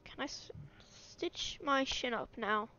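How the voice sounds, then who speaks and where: A woman co-hosting a gaming video in casual chat, excitable and giggly and quick to yelp. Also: on the high side, dull audio.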